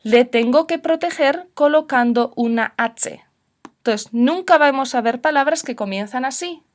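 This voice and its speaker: A young woman with a northern Spanish accent lectures a class on spelling rules. Her voice sits a little high and she explains patiently, spelling out one example word after another. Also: measured pace. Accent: northern Spain. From Spain. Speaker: Spanish teacher.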